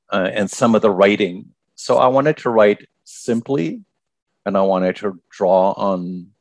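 A German guest author talks casually in an interview, lively and prone to repeating words as he starts. His voice is lowish, and there's no echo.

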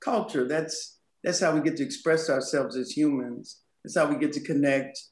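A woman's voice: low voice, normal speed, darkish tone, echoey room. A woman guest on a podcast talking about culture and communication in a thoughtful, emphatic way. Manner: thoughtful, emphatic, laughs easily. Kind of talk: podcast conversation.

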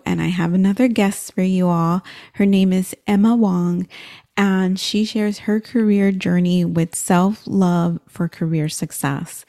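A woman hosting a career podcast, with an encouraging scripted intro and then relaxed, supportive interview chat. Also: on the low side, no room sound, clean studio sound. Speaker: podcast host and career coach.

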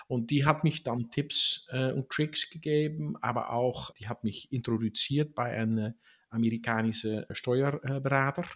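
A man in his sixties from the Netherlands speaking German with a Dutch accent, answering interview questions haltingly with many fillers. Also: medium pitch, steady tone, fairly bright tone. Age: 60s. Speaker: guest.

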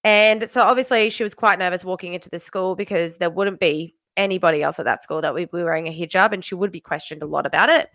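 A young woman with a broad Australian accent, a student teacher who hosts her own solo podcast, chats casually and drives her points home with emphasis. Her voice is lowish and slightly bright, and she talks fast with few pauses. The studio-quality recording has no echo.

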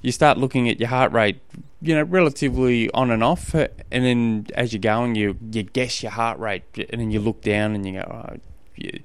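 A man's voice: medium pitch, steady tone, normal speed, hardly any pauses, clear, resonant tone, no echo. A man with an Australian accent hosting a podcast, giving casual coaching advice in an informal, rambling way and often rephrasing himself mid-sentence. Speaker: podcast host and endurance sports coach.

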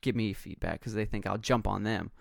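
A man's voice: fairly low pitch, brisk, creaky, no echo, clean studio sound. A man chatting casually in an intense, passionate, assertive way, often dropping "like" into his sentences. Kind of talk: casual conversation.

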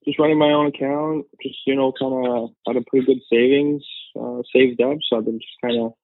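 Heard through a tinny, phone-like line with no echo, a thirty-something podcast guest with a Canadian accent talks briskly in a medium-pitched voice with fairly even intonation. He keeps it casual, rambling on with lots of fillers and laughter.

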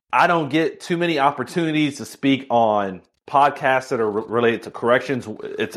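A man in his thirties from Miami, an author and speaker telling his story with energy as a podcast guest. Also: medium pitch. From Miami, Florida. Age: 30s. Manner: energetic, animated storyteller, talks fast. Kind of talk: casual interview storytelling.

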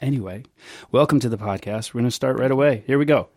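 A man hosting a casual podcast, talking in a relaxed, enthusiastic way. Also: mid-range voice, fast, no room sound, clean studio sound. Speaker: podcast host.

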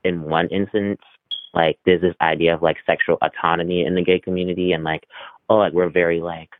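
A man's voice: low voice, little pitch movement, a little fast, dry recording. A man calling in to a podcast, talking casually with many fillers and restarts. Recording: tinny phone line, dry.

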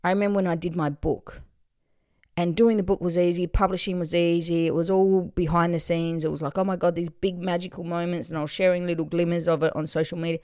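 An Australian woman hosting a motivational solo podcast, excitable and swearing casually. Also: on the low side, fast talker, clean tone, no room sound, studio quality. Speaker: podcast host.

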